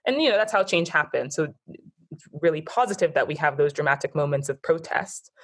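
Speaking thoughtfully as a guest in a relaxed chat, this American-accented woman, Nigerian, born in Japan and raised in the US, leans on fillers often. Her low voice is slightly rough and brisk.

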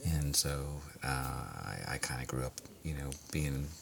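A man's voice: very deep voice, expressive, a little slow, vocal fry, fairly bright tone. A man in his sixties from Belgium, raised in Canada, speaking as a guest doctor in a casual interview, with many fillers and restarts. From Belgium, raised in Ontario, Canada. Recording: noisy background.

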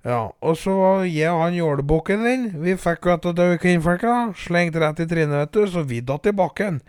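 A man doing a loud, crude country woman. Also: high-pitched, smooth, dry recording, studio quality, pitched above the performer's own voice, lightly acted. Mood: complaining. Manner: rambling, swearing, boastful.

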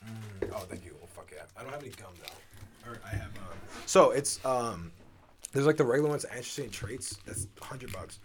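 A man's voice: on the low side, expressive, a little fast. A young man hosting a casual podcast at home, laid-back and rambling with plenty of swearing. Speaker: podcast host. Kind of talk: casual chat. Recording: faint background noise.

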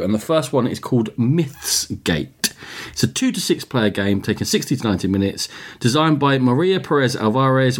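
A man co-hosting a casual board game podcast, setting out game details in long running sentences. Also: medium pitch. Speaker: podcast co-host.

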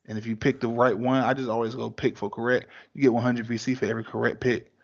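A man's voice: medium pitch, little pitch movement, quick pace, creaky, lo-fi sound. A man co-hosting a casual podcast, talking bluntly and swearing freely in laid-back banter. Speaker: podcast co-host. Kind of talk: casual chat.

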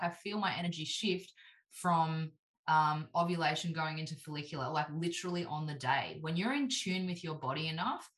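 Brief: woman, 30s, low-pitched chatty guest, lots of "like", echoey room. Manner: animated, heavy use of "like", acts out quoted voices. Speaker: podcast guest. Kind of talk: casual chat. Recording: roomy echo.

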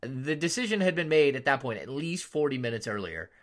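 A man hosting a sports podcast, chatting casually and telling stories with animated, loud quoted voices. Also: mid-range voice, fairly quick. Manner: animated storytelling, loud voices when quoting fans. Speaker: podcast host, team insider.

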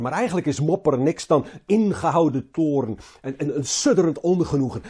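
Husky, mellow preacher. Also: male voice, medium pitch. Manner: halting, repeats words, rises and falls in emphasis. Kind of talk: sermon.

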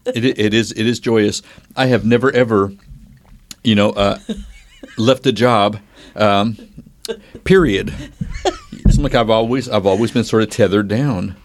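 A man's voice: lowish voice, measured pace, pauses often. An older man chatting in a natural, unscripted way as a co-host, exclaiming and echoing the other person's words. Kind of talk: natural unscripted casual chat.

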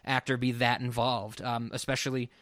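A man's voice: mid-range voice, little pitch movement, normal speed, a bit bright, dry recording, studio quality. A man co-hosting a podcast, talking in a loose, rambling way with many restarts. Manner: laughs often. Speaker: podcast co-host. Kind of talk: casual chat.

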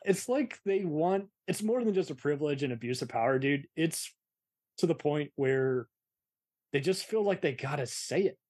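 Ranting, profane podcast host. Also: male voice, on the high side, expressive, normal speed, darkish tone, breathy edge, dry recording, clean studio sound. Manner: ranting, profane, laughs often. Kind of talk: casual podcast chat.

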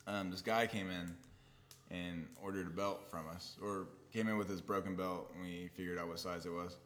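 A man's voice: low-pitched, steady tone, normal speed, fairly bright tone. A young man co-hosting a casual chat, rambling and self-deprecating, swearing freely. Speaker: podcast co-host.

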